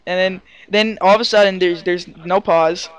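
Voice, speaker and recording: Man host, high-pitched and smooth, halting casual storyteller. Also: steady tone. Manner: rambling and halting, lots of fillers and restarts. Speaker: video host recounting a prank.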